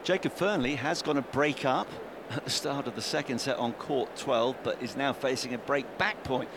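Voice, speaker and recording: A man calling a tennis match live, chatty and lively, his voice climbing as the rallies build. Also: normal speed, noisy background. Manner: chatty, lively, rises in pitch with the play. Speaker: tennis commentator. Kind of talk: live sports commentary.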